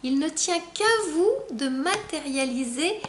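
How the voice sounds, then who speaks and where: A woman spiritual coach passing on a channeled message in a gentle, encouraging way, a little halting with fillers. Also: high voice, lively intonation, background noise. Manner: gentle, encouraging, addresses listeners fondly. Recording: roomy echo.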